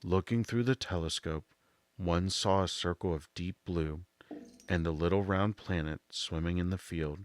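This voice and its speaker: A man narrating a literary audiobook in a soft voice, with a measured, deliberate delivery. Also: low-pitched, clear, resonant tone, no room sound.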